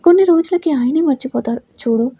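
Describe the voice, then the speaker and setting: A woman voicing a heartbroken young wife who speaks softly and holds back tears. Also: high-pitched, fast, no echo. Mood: sorrowful. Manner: soft, restrained, sorrowful.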